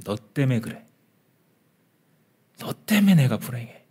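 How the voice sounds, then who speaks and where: A man's voice: mid-range voice, big pitch swings, a little slow, mellow, breathy edge, full character voice. A man voicing a resentful, jealous young man who rants mockingly at his brother. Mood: ranting. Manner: mocking, ranting, raised voice.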